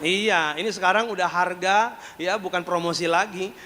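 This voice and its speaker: Preaching into a stage mic in a big church hall, a male pastor with a high, bright, forceful voice speaks at a normal pace. His sermon is humorous and story-driven, and he acts out the people he quotes, while long reverb and faint noise fill the room.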